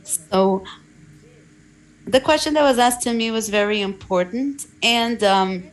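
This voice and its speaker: A woman working as an interpreter on a video call, speaking in steady, formal phrases. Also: fairly high pitch, a little slow, rough recording. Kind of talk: simultaneous interpreting for a panel.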